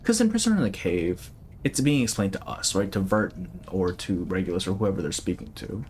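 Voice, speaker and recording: A young man giving live gameplay commentary in a casual, chatty way, laughing often. His voice sits fairly low, with a faint hum behind. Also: sing-song, a little fast, darkish tone. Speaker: streamer.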